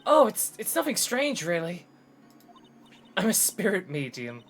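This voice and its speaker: A man's voice: high-pitched, wildly swooping pitch, measured pace, a bit bright, pitched above the performer's own voice, exaggerated voice. A man voicing a cheerful young female spirit medium apprentice in a game, in a perky raised voice.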